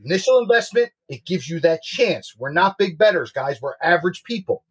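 A man co-hosting a sports betting show, pitching picks in brash, slangy, sweary bro talk. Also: lively intonation, fairly quick.

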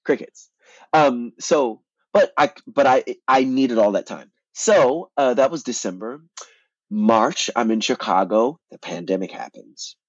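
A man, an actor and playwright, telling his story as an interview guest in an animated way, often repeating words and restarting. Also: medium pitch, a little slow, dry recording, muffled recording.

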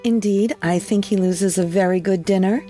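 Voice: mid-range voice, fairly even intonation, normal speed, warm tone, faint music behind, voice pushed up, natural voice. A reader voicing a spirited young wife. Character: young woman, lively and indignant niece. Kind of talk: storybook reading.

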